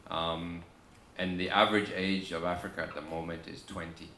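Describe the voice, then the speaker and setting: A man with an Australian accent speaking on a conference panel, relaxed and halting with many ums and restarts. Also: sits low, slight background noise. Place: conference room. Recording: echoey conference room with faint ambience.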